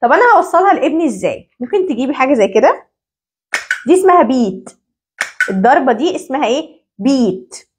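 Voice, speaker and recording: A woman with an Egyptian Arabic accent teaching parents English syllables, drilling words by repeating them slowly. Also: sits high, very animated, background noise. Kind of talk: English phonics lesson for parents.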